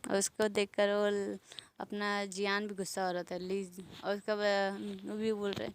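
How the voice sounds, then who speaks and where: A woman's voice: mid-range voice, level tone, unhurried, clean tone. Chatty woman retelling an anime story. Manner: chatty, laughs along and speaks straight to viewers. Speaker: anime recap narrator. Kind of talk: casual spoken story retelling.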